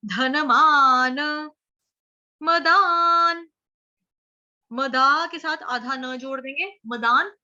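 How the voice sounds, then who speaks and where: A woman's voice: high-pitched, very slow, pauses often, bright, forceful tone, dull audio. A woman teaching Sanskrit verse recitation, spelling words out letter by letter and then chanting the full verse. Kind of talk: slow syllable-by-syllable recitation lesson.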